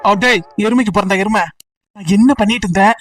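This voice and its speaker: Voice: medium pitch, quick pace, far from the mic, faint music behind, close to an everyday voice. A voice actor doing a cursing, fed-up young guy. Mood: exasperated. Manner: shouting insults, exasperated. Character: angry young male student, blunt and cursing. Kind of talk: comic voice acting.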